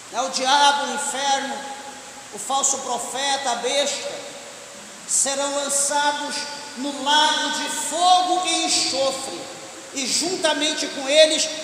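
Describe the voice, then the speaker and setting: Impassioned pastor shouting in echoey hall. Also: male voice, very high voice. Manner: impassioned preaching, often shouting. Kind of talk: sermon. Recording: echoey church hall with hiss.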